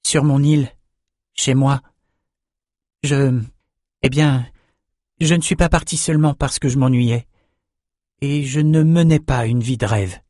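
A man's voice: mid-range voice, measured pace, long pauses, a little mellow, no room sound, studio quality, voice pushed up, lightly acted. A man voicing a troubled young man in an audiobook, defensive and strained. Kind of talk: audiobook character voice.

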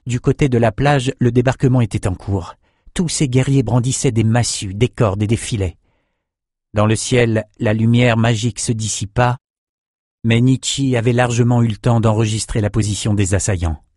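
A man narrating a fantasy audiobook with even, measured storytelling. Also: mid-range voice, no room sound, studio quality.

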